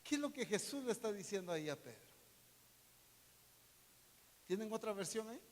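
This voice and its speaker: A male pastor preaching a sermon, asking the congregation questions and reading verses, swinging between loud emphasis and soft, slow phrases. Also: sits high, big pitch swings. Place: church sanctuary. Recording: long hall reverb.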